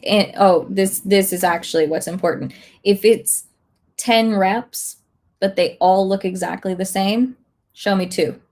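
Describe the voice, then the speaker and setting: A woman instructor casually chatting on a livestream, a bit hoarse as she loses her voice, thinking aloud with lots of fillers. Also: lowish voice, darkish tone. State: slightly hoarse, losing her voice. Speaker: online instructor.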